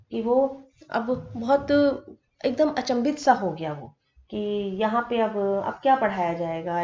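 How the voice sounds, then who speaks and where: Woman tutor, mid-pitched, patient explainer, slow careful reading, muffled lo-fi audio. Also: darkish tone. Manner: reads English lines slowly, then explains them at length in mixed Hindi. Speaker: teacher. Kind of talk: explaining a textbook chapter to students. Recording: dull lo-fi recording.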